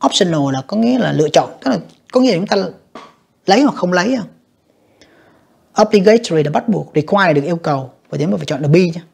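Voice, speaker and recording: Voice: mid-range voice, expressive, quick pace, gravelly, a little mellow, slightly rough. An English teacher, reviewing exam questions by reading each option aloud, translating it and judging it for the students. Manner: reads each English option, then translates and judges it, often addressing "các bạn".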